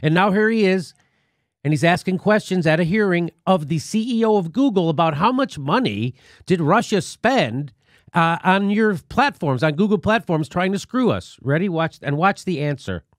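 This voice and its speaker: A man's voice: high voice, expressive, normal speed, dry recording, studio quality. A male host giving comedic political commentary in a sarcastic, mocking and profane way.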